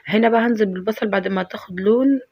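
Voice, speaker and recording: A woman's voice: medium pitch, rapid-fire, no room sound, lo-fi sound. A woman with an Egyptian accent chatting casually through a cooking vlog, her voice stuffed up by a head cold. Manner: chatty, talks to viewers directly. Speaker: home cook vlogger.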